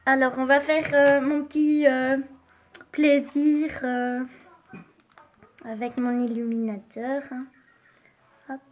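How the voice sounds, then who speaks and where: A woman hosting a live makeup demonstration, chatty and unhurried, filling pauses with little interjections and dropping to soft asides while she works. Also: sits high, steady tone, slight background noise. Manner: chatty, unhurried, full of fillers like "hein" and "hop". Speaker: makeup live-stream host.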